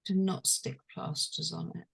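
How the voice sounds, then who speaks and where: A woman from London, a transformational coach telling a personal story in a slow, hushed, intimate way. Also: lowish voice, steady tone, gravelly, slightly rough. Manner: slow, hushed and intimate, dwelling on each phrase.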